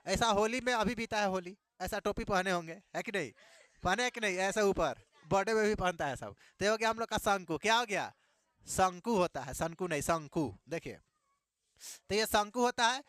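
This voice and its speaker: Male math teacher, high bright voice, quizzes the class by echoing key terms, dry close sound. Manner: repeats key words as questions to students, playful asides.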